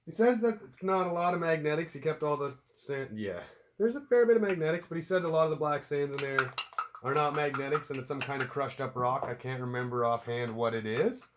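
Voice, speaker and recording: A Canadian outdoor hobby vlogger, stuffed up with a cold, rambles casually to the camera about his hobby from indoors at home. His voice is medium-pitched, and he tosses in offhand swearing and self-deprecating remarks. There's a little background noise.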